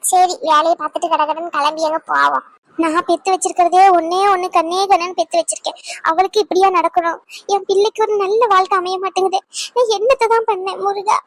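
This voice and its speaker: A woman's voice: extremely high pitch, steady tone, fast talker. A woman voicing a fretful middle-aged village mother in a cartoon, lamenting and scolding with emotion. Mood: worried, pleading. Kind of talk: Tamil cartoon voice acting.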